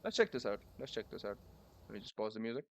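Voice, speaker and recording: A young man with a cold-induced sore throat codes on a livestream while chatting casually and rambling with many fillers. His voice is lowish and he talks fast with big pitch swings.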